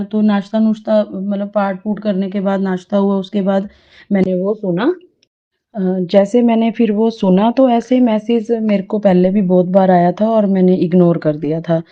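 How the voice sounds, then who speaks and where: A middle-aged woman sharing a personal devotional experience in an earnest, rambling, reverent way. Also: medium pitch. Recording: dull lo-fi audio.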